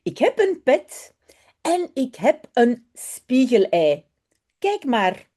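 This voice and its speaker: A woman's voice: high-pitched, big pitch swings, slow pace, dark tone, voice pushed up, full character voice. A woman voicing a boastful, bossy little boy playing stationmaster in a children's story. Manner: bossy, insistent.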